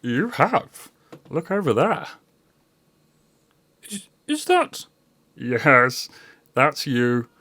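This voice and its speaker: A man's voice: mid-range voice, expressive, extremely slow, bright, forceful tone, no echo, pitched above the performer's own voice, full character voice. A man playing a smug, scolding ghost of the past in a comedy sketch. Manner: lofty, scolding, theatrical.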